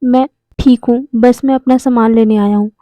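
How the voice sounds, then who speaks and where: A woman voicing a quiet, stubborn young man who speaks calmly and firmly. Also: fairly high pitch, moderate pace, dry recording, close to an everyday voice. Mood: determined.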